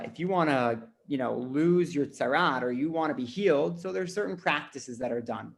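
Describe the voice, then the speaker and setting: A man, a rabbi, teaching a casual Bible lesson, acting out the dialogue and often repeating words as he talks. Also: gravelly. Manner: animated, repeats words, acts out dialogue with pitch jumps.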